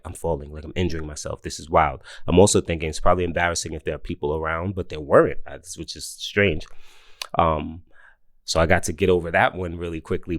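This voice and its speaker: A man in his forties telling a casual personal story, animated, often laughing and mimicking others in high voices. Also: no echo, clean studio sound. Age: 40s. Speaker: host.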